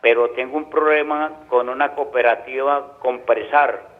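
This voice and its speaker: A man with an Antioquian accent, a caller telling his problem in a halting way with many restarts. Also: medium pitch, fairly even intonation. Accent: Antioquia, Colombia. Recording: tinny phone line.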